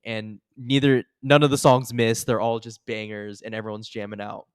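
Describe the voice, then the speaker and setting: Young man, game master, casual narration, clear voice, dry sound. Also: fairly low pitch, flat delivery, normal speed, no echo. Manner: casual, laughing, full of fillers.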